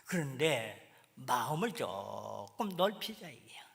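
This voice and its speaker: A man, a pastor, preaching a sermon in an animated, colloquial storytelling way, acting out little scenes. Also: medium pitch, slow, creaky. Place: church sanctuary. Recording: reverberant church hall.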